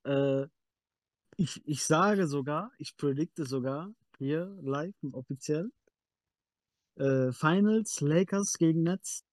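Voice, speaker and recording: A man's voice: fairly high pitch, takes it slowly, a little mellow, no room sound. Slangy, insistent man in casual debate. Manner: emphatic, insistent, repeats himself. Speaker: podcast panelist.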